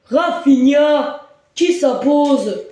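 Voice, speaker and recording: High-pitched man, excited football commentary, echoey. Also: extremely slow. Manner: shouts and draws out words on big moments, hesitant between them. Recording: very echoey room.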